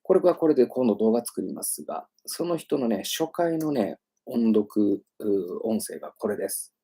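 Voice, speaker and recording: Mellow husky man, chatty teacher. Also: lowish voice, lively intonation, moderate pace. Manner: chatty and self-promoting, filler-heavy. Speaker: English pronunciation teacher. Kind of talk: casual livestream talk.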